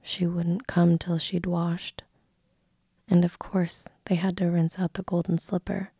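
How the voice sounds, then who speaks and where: A woman reading a fairy tale aloud in a soft, unvoiced ASMR whisper. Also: lowish voice, little pitch movement, a little slow, vocal fry, husky, dry recording, studio quality. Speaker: storyteller.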